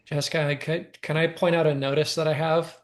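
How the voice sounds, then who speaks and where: A man's voice: on the high side, level tone, a little fast. A man hosting an interview as a life coach, supportive and nodding along with short affirmations. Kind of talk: interview host.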